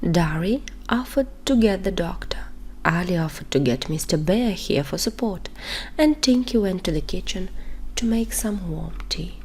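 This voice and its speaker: A woman tells a bedtime story in a soft, steady whisper. She takes her time over every phrase. A faint hiss runs under the recording. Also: on the low side.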